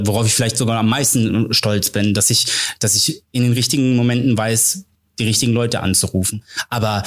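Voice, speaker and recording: A man with a German accent, a podcast guest who talks about his work in a candid, reflective way and drops English phrases into his speech. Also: medium pitch. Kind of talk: candid conversational interview.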